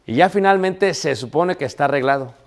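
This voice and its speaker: Man preaching a lively sermon. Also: fairly high pitch, a little fast. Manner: storytelling with quoted dialogue and rhetorical questions.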